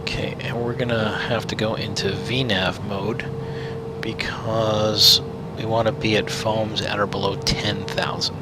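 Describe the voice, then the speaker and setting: A man with a fairly low voice speaks as if into a pilot's cockpit headset. He reels off checklist items and radio calls in a steady, matter-of-fact way. A loud engine drone runs beneath every word. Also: a little slow. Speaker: pilot flying a simulated jet. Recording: loud engine noise behind the voice.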